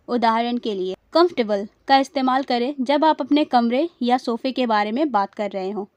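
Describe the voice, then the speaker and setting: A woman's voice: fairly high pitch, no echo. A woman teaching English pronunciation in a scripted lesson, repeating each word twice and quizzing her viewers.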